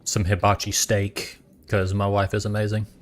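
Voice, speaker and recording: A man's voice: low-pitched, steady tone, a little slow, a bit bright, a little hiss or hum. A young adult man casually chatting while streaming a game, rambling and eating as he talks. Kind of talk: casual gaming stream chat.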